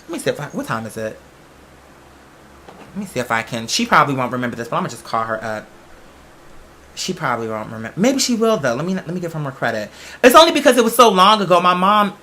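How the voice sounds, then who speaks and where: Fast and bright with a pushed, fairly high voice and big pitch swings, this male podcast host tells personal stories on a casual talk show. He's emphatic and chatty, often questioning himself mid-story.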